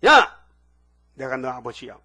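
A man voicing God as a commanding, protective deity who shouts warnings during a sermon. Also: steady tone, a little fast. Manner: booming, shouting orders.

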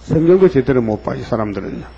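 A man's voice: mid-range voice, animated, fast talker, creaky, warm tone, slight background noise. A man preaching a sermon in an emphatic way, firing pointed questions at his listeners. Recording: dull lo-fi recording.

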